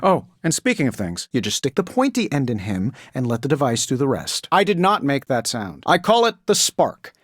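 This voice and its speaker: A man playing a cocky, quick-witted billionaire inventor superhero in a video game, with a glib, sardonic, wisecracking delivery. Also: medium pitch, wildly swooping pitch, no room sound, clean studio sound. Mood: upbeat, boastful. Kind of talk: scripted video game voice lines.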